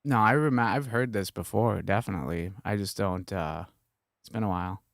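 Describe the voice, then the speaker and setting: A man's voice: fairly low pitch, moderate pace, creaky, no room sound, clean studio sound. A man hosting a stream, making offhand, casual comments as he plays recordings. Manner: offhand, mumbling asides.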